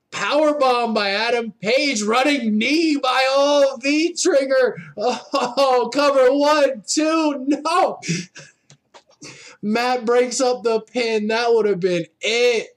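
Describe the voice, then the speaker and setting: A man with a notably high voice delivers wrestling commentary. His play-by-play moves at a slow pace, yet he is excitable and exclaims over the moves. The wording is informal, like a fan calling the match.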